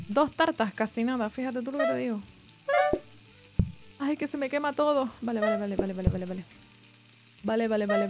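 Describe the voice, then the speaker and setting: A young woman, her voice sitting a little high as she chatters and exclaims through a cooking game. Loud game music and kitchen sizzles play behind her as she talks to her chat. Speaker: gaming streamer. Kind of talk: casual gameplay commentary. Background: cooking game music and sizzling sounds.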